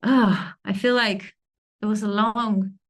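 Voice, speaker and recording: A woman from Argentina, a podcast guest, talking thoughtfully and searching for words with many pauses. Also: medium pitch, fairly even intonation. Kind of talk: reflective conversation.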